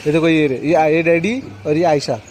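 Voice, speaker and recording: A young father with a western Uttar Pradesh Hindi-Urdu accent, filming a casual vlog and gently, playfully coaxing his small child. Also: a little high, moderate pace, a crowd in the background. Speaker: vlogger and father. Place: outdoors by a street market. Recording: outdoor phone recording with loud street noise.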